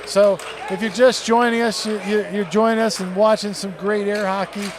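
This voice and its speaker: A high-pitched man calls the action as a live air hockey commentator, upbeat and quick with his affirmations. He repeats words as he goes. The audio is noisy, with a tournament venue humming behind him. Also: steady tone, a crowd in the background.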